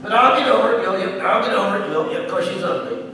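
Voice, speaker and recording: A man voicing a dim-witted, wisecracking frog as a squeaky ventriloquist dummy in a comedy routine. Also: fast talker. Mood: cheeky, mocking. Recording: echoey noisy hall, far from mic.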